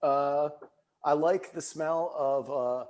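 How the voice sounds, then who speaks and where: A man's voice: on the high side, fairly even intonation, takes it slowly, a little mellow. A man co-hosting a casual podcast, talking with rambling enthusiasm. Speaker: podcast co-host. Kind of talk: casual chat.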